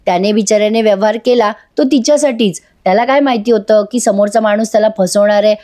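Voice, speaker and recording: A woman narrates a voice-over review of a TV serial episode and speaks straight to her viewers. She is chatty and sympathetic, with a medium-pitched voice. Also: quick pace, dark tone.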